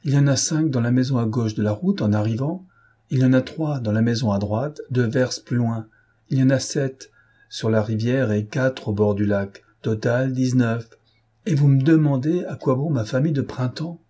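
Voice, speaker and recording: A cocky young army officer holds court, as a male narrator acts him out. His voice is raised, husky and bragging, with a teasing, triumphant edge in this storybook reading. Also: medium pitch, normal speed, warm tone, voice pushed up, natural voice. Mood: boastful. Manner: boastful, mocking.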